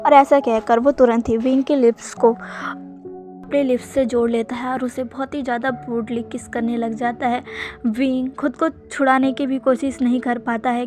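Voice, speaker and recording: Woman, storyteller, steady narration, high pitch, faint music behind. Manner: steady retelling. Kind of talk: narrating fan fiction.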